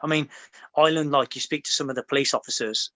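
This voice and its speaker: A man's voice: mid-range voice, fast, a bit bright, dry recording, poor audio. An English man in his young adult years, a former soldier, telling stories in casual podcast chat, rambling with lots of fillers and restarts.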